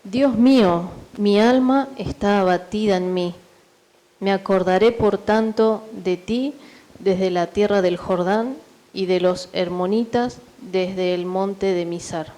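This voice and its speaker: A woman reading Bible verses aloud in a church at a steady, measured pace. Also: medium pitch. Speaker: scripture reader. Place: church sanctuary.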